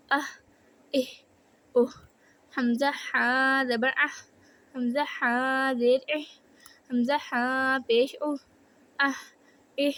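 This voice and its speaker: A woman with a Pakistani Urdu accent teaching a Quran reading lesson, who explains in quick bursts and then drills syllables slowly with repetition. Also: high-pitched. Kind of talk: step-by-step spelling and recitation lesson.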